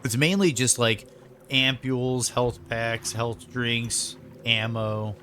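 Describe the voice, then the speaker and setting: A man casually commenting on his video game stream in a rambling, relaxed way, eating lunch as he talks. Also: medium pitch, slow, a little hiss or hum. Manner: rambling, relaxed, lots of fillers. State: eating while talking.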